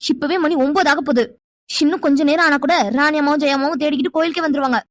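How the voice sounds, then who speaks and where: A woman's voice: high voice, steady tone, quick pace, dry recording, close to an everyday voice. A woman voicing a bossy scolding village girl. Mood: urgent. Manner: scolding, insistent. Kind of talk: cartoon voice acting.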